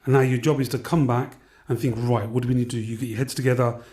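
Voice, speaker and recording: A man, an aid worker, explaining his work in an interview in a practical, steady way. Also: mid-range voice, fast. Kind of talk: interview reflection.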